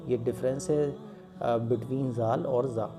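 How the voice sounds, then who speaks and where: Patient teacher drawing out letters. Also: male voice, medium pitch, steady tone, music in the background. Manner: patient, drawn-out letter sounds, frequent check-ins. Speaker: Quran teacher. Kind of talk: step-by-step lesson teaching Arabic letters.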